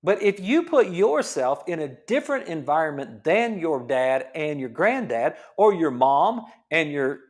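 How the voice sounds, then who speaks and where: Man, fifties, high pitch, casual health talk, repeats himself, rhetorical questions. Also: sing-song, measured pace, few pauses. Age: 50s. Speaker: chiropractor host.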